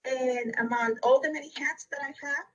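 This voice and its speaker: A woman presents a recorded webinar in an earnest, steady way. Her voice sits a little high and sounds husky and breathy. She is recorded from a bit back from the microphone. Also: normal speed, distant mic, poor audio. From Costa Rica. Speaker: district education leader.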